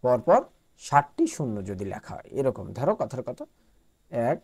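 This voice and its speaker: A woman's voice: rumbling low, sing-song, normal speed, mellow, breathy edge. A woman from Bangladesh teaching a math lesson at the board, explaining step by step, repeating each point and checking that students follow. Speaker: math tutor.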